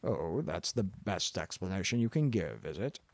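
In a creaky, exaggerated, sing-song voice that sits low, a man reads an audiobook part as a pompous older professor. The character lectures at a moderate pace, blustering and full of contempt.

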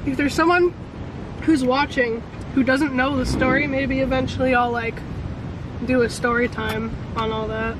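A woman's voice: high voice, steady tone, moderate pace. A teenage girl chatting casually for a vlog in a parked car, rambling from topic to topic. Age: teens. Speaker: vlogger. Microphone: camera on dashboard. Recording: car with wind noise.

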